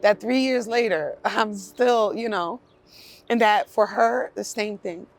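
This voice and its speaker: A middle-aged woman speaks with raw feeling as a guest in an outdoor interview, talkative and quick to laugh. Her voice sits at an ordinary pitch for a woman. Soft music plays faintly under the talk. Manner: emotional, talkative, laughs often. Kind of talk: casual outdoor conversation. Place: outdoors on a porch.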